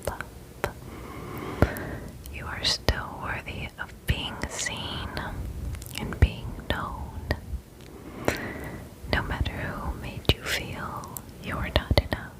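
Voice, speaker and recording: A woman whispers an ASMR pep talk of comforting affirmations. She goes extremely slowly and soothingly, repeating phrases with long, drawn-out spacing. Her voice stays in a breath-only whisper. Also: rough recording. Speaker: ASMR host.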